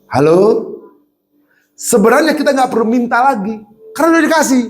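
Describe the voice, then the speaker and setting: A man preaching a lively sermon in a church, asking his congregation questions and acting out the voices in his stories. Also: very high voice, fairly quick. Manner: animated, acts out voices, asks the congregation questions.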